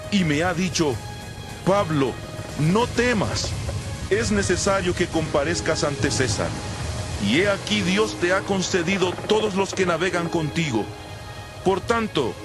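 A man playing the apostle Paul, an earnest prisoner exhorting solemnly in a dramatized audio Bible. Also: high-pitched. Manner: solemn, declamatory.

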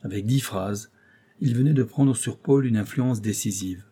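Male audiobook narrator, measured novel reading, dark mellow husky voice. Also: lowish voice. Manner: measured, storytelling.

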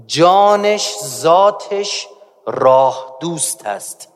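A male preacher with a fairly high voice, lecturing emphatically and pressing the audience to pay attention. His speech swings between quiet asides and raised points. It rings with a long reverb from a large hall. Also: lively intonation. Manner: emphatic, keeps urging the audience to listen. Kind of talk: religious lecture.

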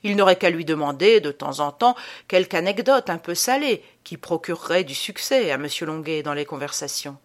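A woman narrating an audiobook with expressive, strongly emphasized reading. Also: low voice, a little fast. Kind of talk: scripted narration.

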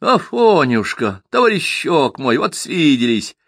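A man's voice: a little high, very animated, unhurried, a bit bright, slightly rough, dry recording, clean studio sound, pitched above the performer's own voice, heavily acted. A man voicing a shrewd old-time merchant. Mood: coaxing. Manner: folksy, wheedling, then stern. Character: shrewd prosperous merchant horse trader, man.

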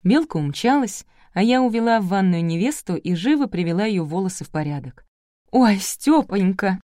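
A woman narrating a first-person audiobook in a lively, wry storytelling manner. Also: mid-range voice, fairly quick, no echo, clean studio sound.

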